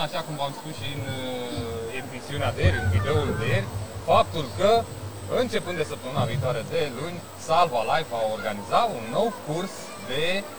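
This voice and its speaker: A man hosting a casual live social media interview, chatty and teasing, with filled pauses. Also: on the high side. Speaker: host. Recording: live with crowd noise.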